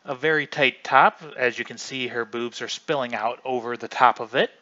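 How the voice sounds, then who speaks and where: Man streamer, bright forceful voice, loose casual commentary, dull lo-fi home recording. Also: mid-range voice, moderate pace. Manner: chatty, rambling, often restarts mid-sentence. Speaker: livestream host.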